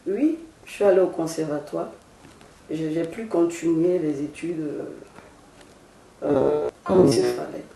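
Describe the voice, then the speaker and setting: Interviewed at her home, this Ivorian gospel singer offers a devotional testimony in a low, creaky, mellow voice with plenty of reverb. Her phrasing is slow, solemn, and devout.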